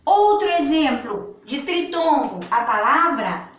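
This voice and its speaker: Woman, Brazilian Portuguese accent, patient teacher, unhurried delivery, stretched-out words, slightly distant mic. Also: high-pitched, big pitch swings, slight background noise. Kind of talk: children's grammar lesson. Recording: echoey room, far from the mic.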